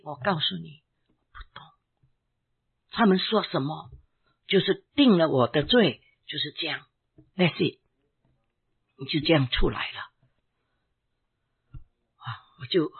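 A woman's voice: sits low, husky. A woman, a former pastor, giving an emotional church testimony, asking herself questions and answering them. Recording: tinny phone-like sound.

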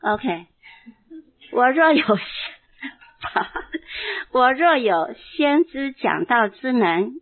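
A woman pastor giving an earnest, emotional personal testimony in a sermon, reading scripture slowly and deliberately. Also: mid-range voice. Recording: tinny phone-like sound.

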